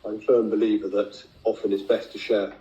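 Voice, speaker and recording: A man with a hoarse, raspy, failing voice, speaking bluntly as a councillor at a formal meeting. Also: fairly low pitch, little pitch movement, a little fast, warm tone. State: losing his voice. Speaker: county councillor. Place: indoor council meeting room. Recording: echoey meeting room, muffled lo-fi sound.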